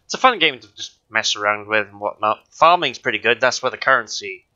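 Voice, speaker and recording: Man, casual gaming chat, laid-back, giggly, sharp bright voice, muffled lo-fi mic. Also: on the low side, expressive, brisk, no room sound. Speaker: gaming friend.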